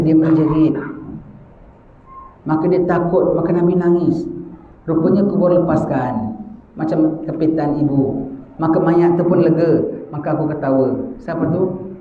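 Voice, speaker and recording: A man giving a religious sermon, lively with rhetorical questions and mocking asides. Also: a little high, slight background noise. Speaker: religious teacher. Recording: echoey, dull lo-fi lecture recording.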